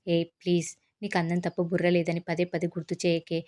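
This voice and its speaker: A woman reads a cocky young husband who teases his wife with mocking jokes. The voice stays low and level, heard as a storyteller's spoken recap. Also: completely flat delivery, brisk, darkish tone, close to an everyday voice. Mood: teasing. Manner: mocking, laughing.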